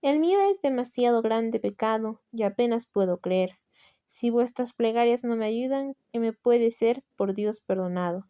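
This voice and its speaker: A woman's voice: fairly high pitch, expressive, moderate pace, mellow, clear, resonant tone, natural voice. A woman with a Latin American Spanish accent voicing a dying male sinner who feigns tearful, humble piety in a storybook reading. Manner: tearful, pleading, feigned humility. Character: dying male sinner, false pious penitent.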